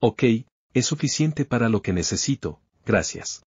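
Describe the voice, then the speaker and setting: A man's voice: medium pitch, big pitch swings, measured pace, a little mellow, slightly rough, no echo, exaggerated voice. A man voicing a smug, powerful young cultivator who speaks curtly and dismissively. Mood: cool. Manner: cool, curt and dismissive. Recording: slightly dull lo-fi recording.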